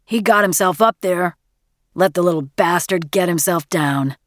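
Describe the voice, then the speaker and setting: A woman voicing a gruff, domineering billionaire father in an audiobook, growling and harsh. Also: on the low side, normal speed, no room sound, studio quality, lightly acted.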